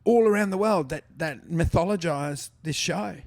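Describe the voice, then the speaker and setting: A man, hosting a casual chat, crude and quick to mock. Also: fairly high pitch, darkish tone. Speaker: podcast host.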